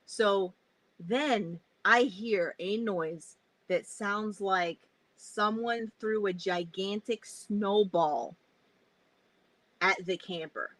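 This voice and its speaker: A woman's voice: medium pitch, very slow, dry recording, poor audio. A woman vlogging from a camper, telling a story casually, swearing often and acting out her own reactions. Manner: animated, swears a lot, acts out her reactions. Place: inside a camper.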